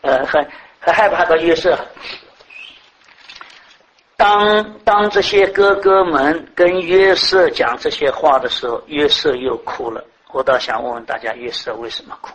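A man preaching a sermon to a congregation, asking many rhetorical questions and swinging between raised, emphatic phrases and soft, low ones. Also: a little slow, slight background noise, rough recording.

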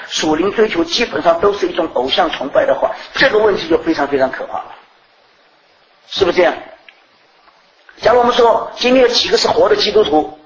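A middle-aged woman preaching a sermon in an earnest way, often asking rhetorical questions and repeating herself. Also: mid-range voice. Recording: roomy echo.

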